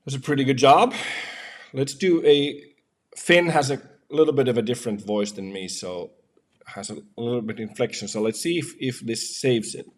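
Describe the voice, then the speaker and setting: A man, a voiceover artist, chatting casually about voice software from his home office, with frequent fillers. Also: medium pitch, moderate pace. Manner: chatty, filler-heavy explaining. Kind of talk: casual tech review.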